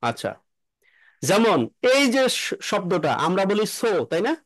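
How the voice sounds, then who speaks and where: A man teaching pronunciation to a class, repeating words slowly and quizzing his students. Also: high-pitched, big pitch swings, no echo. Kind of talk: classroom lesson in a room.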